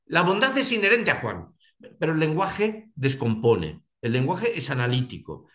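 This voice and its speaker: A man's voice: a little high, sing-song, moderate pace, a bit bright. Man explaining philosophy, echoey room. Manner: thinks aloud, many restarts and rhetorical questions. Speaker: seminar leader.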